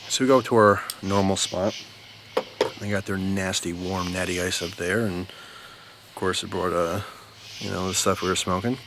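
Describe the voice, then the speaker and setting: An American man from New Jersey telling a story casually, in an informal, unhurried way, repeating words for emphasis. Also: sits low, steady tone, noisy background. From New Jersey, United States. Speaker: storyteller, video host. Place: outdoors at night near bushes.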